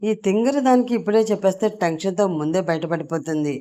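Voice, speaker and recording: A woman's voice: mid-range voice, steady tone, brisk, warm tone, lightly acted. A brash young rowdy, voiced by a woman storyteller, talking in a blunt, offhand way. He brushes people off with teasing impatience. It is a storybook audio drama.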